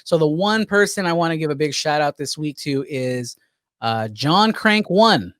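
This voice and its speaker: A man's voice: on the high side, expressive, normal speed, a bit bright, no room sound, studio quality. A man co-hosting a podcast in casual chat, easygoing and chatty, laughing often. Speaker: podcast co-host.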